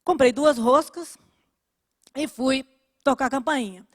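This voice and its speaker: A woman pastor preaching a sermon, telling a story and acting out the dialogue in a lively way. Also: high voice, slow pace, in a large hall.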